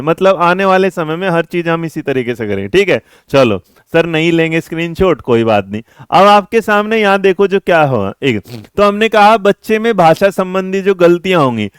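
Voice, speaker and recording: A man's voice: fairly high pitch, clear, resonant tone, dry recording, studio quality. Chatty, teasing young man teaching online. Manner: chatty, teasing, addresses students as his children. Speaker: exam-prep teacher. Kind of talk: online exam-prep lecture.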